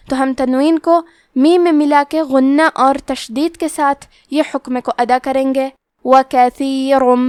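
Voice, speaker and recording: High-voiced woman teaching Quran recitation. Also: no room sound. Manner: explains each letter rule plainly, then recites the word slowly. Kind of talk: tajweed lesson with slow recitation.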